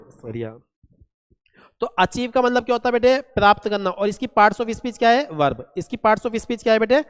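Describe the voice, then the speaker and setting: A man teaching a classroom vocabulary lesson, asking questions and answering them himself, spelling words letter by letter and reading English examples very slowly. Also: high voice, big pitch swings, clear, resonant tone, in a large hall. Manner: asks and answers his own questions, calls students "beta".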